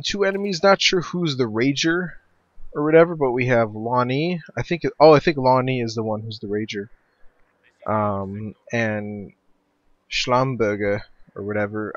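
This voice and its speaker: Dude casting a game replay, rambly and loose, drops swears, mid voice. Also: male voice, medium pitch, no room sound, muffled recording. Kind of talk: casual replay commentary.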